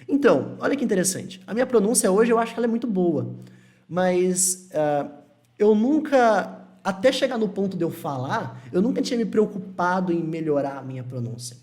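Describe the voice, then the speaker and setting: Brazilian male English teacher, live-stream lesson, reassuring and animated, repeats key points. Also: high voice, moderate pace. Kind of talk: live-stream lesson reading chat questions.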